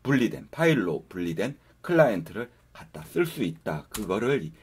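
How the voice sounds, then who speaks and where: A man's voice: on the low side, big pitch swings, moderate pace, slightly rough. A man giving a casual, step-by-step coding tutorial over a screen recording, talking viewers through each step. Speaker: programming instructor.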